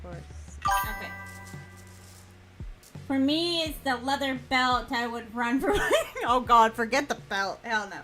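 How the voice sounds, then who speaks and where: A woman's voice: a little high, slow, loud music behind the voice. A woman hosting a casual stream chat, laughing often and steering the conversation. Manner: laughing, chatty, directs the conversation. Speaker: streamer host.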